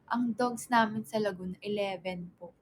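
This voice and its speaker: A woman's voice: medium pitch, normal speed, a little hiss or hum, rough recording. A woman, chatting on a livestream, rambling through a story with many fillers and self-corrections and reading out viewer comments. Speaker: livestream host.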